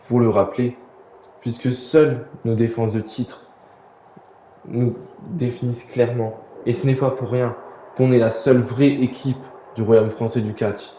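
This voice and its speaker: A man's voice: mid-range voice, flat delivery, unhurried, dark tone, echoey room, a little hiss or hum, lightly acted, low-quality recording. A man voicing an arrogant female wrestling champion. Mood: boastful. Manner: boastful, insulting. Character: arrogant female tag team wrestler cutting a boastful promo.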